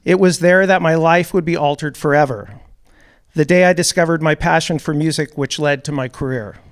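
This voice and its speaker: A man hosting a town hall, delivering a prepared opening speech a little nervously to an audience in a hall. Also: fairly high pitch. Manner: a little nervous, reads measured remarks. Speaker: event host, music producer.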